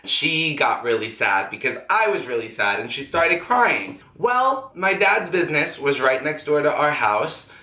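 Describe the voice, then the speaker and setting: Young american guy telling his story on camera, chatty, bright kinda high voice, echoey room. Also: very animated, a little slow, few pauses. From United States. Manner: candid, chatty, acts out quotes. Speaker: vlogger. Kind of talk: personal storytelling vlog.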